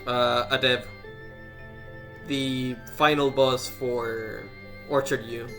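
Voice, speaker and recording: A man in casual, thoughtful chat on a game stream, pausing and restarting as he talks. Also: medium pitch, steady tone. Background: game music.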